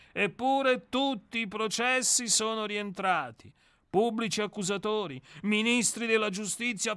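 In a dramatic reading of a radio play, a man voices a cynical, menacing novelist who is coldly theatrical, grandiloquent and mocking. He commits fully to the character, his bright, forceful voice sitting high on a dry recording.

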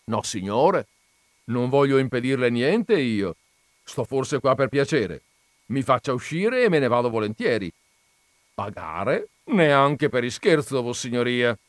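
A stubborn, sly tinker drawls his answers slowly and placidly, as a man puts him on. His voice has a lively lilt with a hint of mockery. The sound is dry and close. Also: medium pitch, no echo. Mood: placid mocking.

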